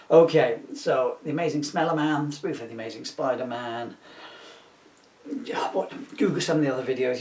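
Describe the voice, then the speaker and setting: Reading his own comic story with chatty asides, a middle-aged author speaks in a mid-range, slightly mellow voice, stopping to interrupt himself as he giggles and jokes. A distant camera microphone picks up roomy echo and slight background noise.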